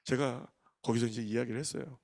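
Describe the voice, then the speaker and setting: A man in his thirties preaching, telling a personal story with animated, emotional delivery and acted quotes. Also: mid-range voice, fairly quick, vocal fry, no room sound, studio quality. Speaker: pastor. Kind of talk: storytelling sermon.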